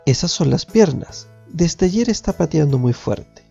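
A man voicing a gentle, smiling mother in a storybook reading. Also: a little high, animated, unhurried, vocal fry, slightly rough, muffled recording, soft background music, exaggerated voice. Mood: tender.

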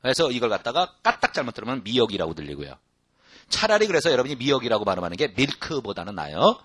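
A man teaching English in Korean, joking, repeating phrases slowly and spelling words out letter by letter. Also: lowish voice, fairly bright tone, husky, no room sound. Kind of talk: casual spoken English lesson.

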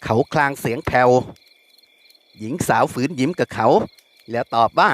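A man narrating a classic novel as an audiobook, in a steady, dramatic storytelling way. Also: medium pitch, moderate pace. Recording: long reverb.

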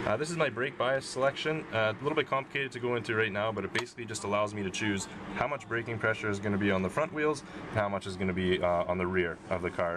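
A young man, a race car driver, casually showing the controls of his car from the driver's seat, with many fillers. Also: lowish voice. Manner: relaxed, explaining with many fillers. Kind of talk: casual walkthrough vlog. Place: race car cockpit, outdoors. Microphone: handheld camera held close. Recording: noisy outdoor camera audio.

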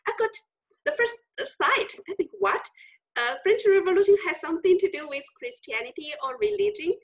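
A woman's voice: moderate pace, low-quality recording. A woman in her forties from China with a Chinese accent, a scholar answering interview questions earnestly over a video call. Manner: earnest and reflective, lively pitch swings. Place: indoor room with bookshelves.

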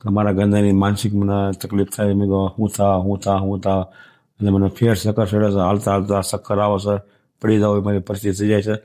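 Older man, soft and halting. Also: fairly low pitch, completely flat delivery. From Gujarat, India. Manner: soft, halting, often trailing off quietly. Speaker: interviewee. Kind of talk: emotional interview, plain talk.

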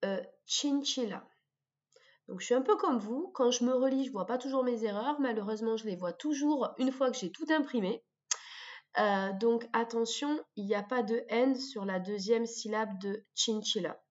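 A woman's voice: a little high, a little mellow. A woman teaching vocabulary, carefully modeling each word for students to repeat. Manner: slow, careful modeling of words for repetition. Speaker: English teacher. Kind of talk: vocabulary lesson with repetition drills. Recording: dull lo-fi recording.

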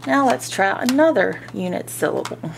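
A woman's voice: mid-range voice, sing-song, normal speed, vocal fry, slight background noise. A woman teaching phonics, sounding out words syllable by syllable and sound by sound in an instructional way.

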